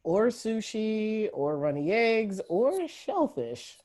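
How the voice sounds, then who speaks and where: A woman reading the part of a laid-back young man in an informal play read-through over a video call, with a dry, deadpan delivery. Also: mid-range voice, takes it slowly. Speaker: play reader.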